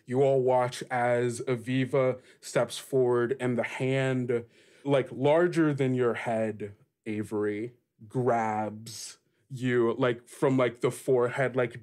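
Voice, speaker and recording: Speaking in a mid-range, darkish voice, a game master narrates a tabletop role-playing session and poses questions to the players. His phrasing is deliberate and halting.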